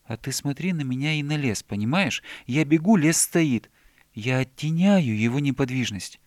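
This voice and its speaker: A man's voice: mid-range voice, normal speed, no room sound, clean studio sound, natural voice. A man voicing a small, eager male hedgehog who explains things insistently in a storybook reading. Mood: explaining. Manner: excited, explaining with urgency.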